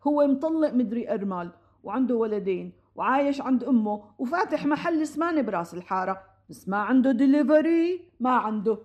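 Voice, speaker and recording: A woman with a Syrian accent playing a chatty, meddling middle-aged matchmaker neighbor in a comic radio play, talking fast and theatrically over others. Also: on the high side, animated, a little mellow, muffled recording, lightly acted. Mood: bossy. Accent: Syrian Arabic. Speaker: comic audio drama actress.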